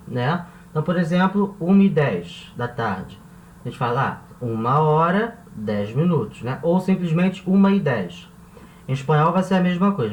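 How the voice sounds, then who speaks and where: A man with a slightly raised voice gives a patient video lesson, drawing out each word and returning to it again and again. His voice rings in an echoey room with a faint hum of ambience behind it. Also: fairly high pitch. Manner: patient, repeats words slowly, checks in with "tá?" and "né?". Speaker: language teacher. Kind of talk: classroom-style video lesson.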